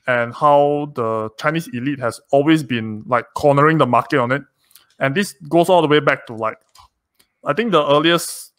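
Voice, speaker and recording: A man's voice: mid-range voice, fairly bright tone, dry recording. A Singaporean man hosting a casual group talk, explaining things in a conversational way. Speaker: host.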